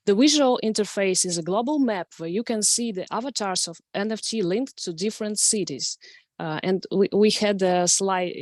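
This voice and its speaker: A woman giving a startup pitch for her project. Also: darkish tone, no room sound, clean studio sound. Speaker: project presenter.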